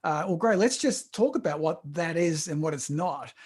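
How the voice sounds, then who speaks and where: A man's voice: a little high, expressive, moderate pace, breathy edge. A man hosting a podcast interview in casual chat, often restarting his words. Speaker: podcast host.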